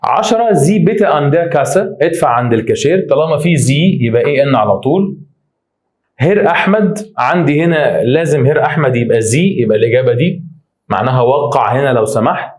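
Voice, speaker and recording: Fast-talking Egyptian male teacher. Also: on the high side, animated, darkish tone. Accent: Egyptian Arabic. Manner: quick explanatory, reads German slowly. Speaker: German teacher. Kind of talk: exam exercise walkthrough.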